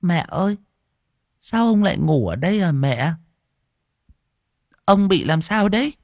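A man's voice: sits high, big pitch swings, a little slow, no echo, clean studio sound, voice pushed up, heavily acted. A man voicing a small confused child asking a parent questions in an audio story. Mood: puzzled. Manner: puzzled, innocent questioning.

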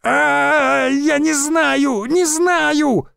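Guy putting on a whiny high squealing pawnbroker, panicky, dry close sound. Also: moderate pace, no echo. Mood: sobbing. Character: nervous middle-aged male pawnbroker, shrill and whiny.

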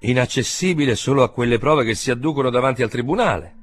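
A man reading an audiobook, voicing a brisk, self-assured adult male painter who speaks insistently and emphatically. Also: mid-range voice, husky, no room sound, pitched above the performer's own voice, lightly acted.

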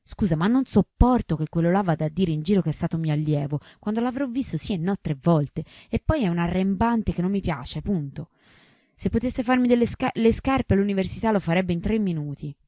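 A woman's voice: fairly low pitch, dark tone, no echo, clean studio sound, close to an everyday voice. A woman voicing a talkative, indignant male music scholar in a read-aloud novel.

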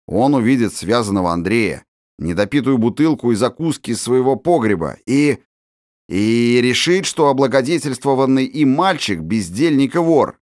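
A man's voice: medium pitch, no room sound, studio quality, natural voice. A man voicing a scheming teenage ringleader who gives orders in a conspiratorial way, in an audiobook. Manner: bossy, conspiratorial. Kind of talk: audiobook character voice.

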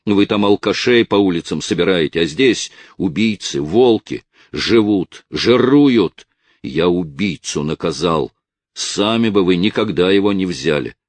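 A man's voice: deep voice, lively intonation, unhurried, dry recording, voice pushed up. A man voicing an angry, defiant young male vigilante who argues in a heated, raised voice.

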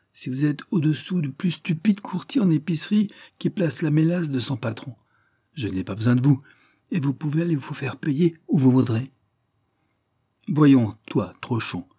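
Guy putting on a big bossy detective chief, pompous and bullying, pitched up and loud over his usual dark husky voice, dry close sound, audiobook. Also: no echo. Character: blustering burly middle-aged male detective boss.

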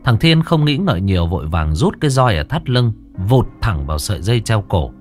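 A man narrating a horror story in a lively, dramatic way. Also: fairly low pitch, a little fast, faint music behind.

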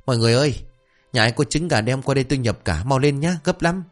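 A man's voice: medium pitch, lively intonation, brisk, faint music behind, natural voice. A man voicing a flustered middle-aged woman who runs an egg shop, with a pleading, fussing way of talking. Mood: urgent.

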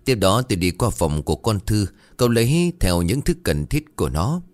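A man narrating a ghost story in a steady, sober reading style. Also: lowish voice, moderate pace, no room sound. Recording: dry voice with faint music.

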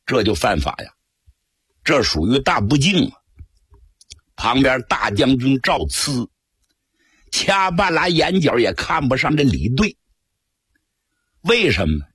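A male radio storyteller with a very husky, rough voice that swings lively up and down as he spins a traditional tale. He acts out the characters between stretches of narration. The sound is dry and close, with no room around it. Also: mid-range voice, takes it slowly, pauses often, dry recording.

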